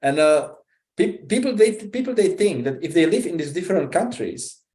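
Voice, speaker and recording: A man from the Republic, giving an informal scripture talk in a halting, conversational way, often checking in with "right?". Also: a little high, sing-song, darkish tone. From Czech Republic. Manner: conversational, halting, with frequent 'right?' and 'you know?'. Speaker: visiting speaker giving a scripture class. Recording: roomy echo.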